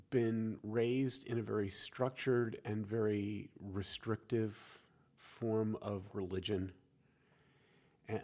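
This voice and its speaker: A man's voice: lowish voice, a little mellow. Man explaining church history in casual talk. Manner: explanatory, lecturing with frequent restarts. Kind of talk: casual conversational discussion.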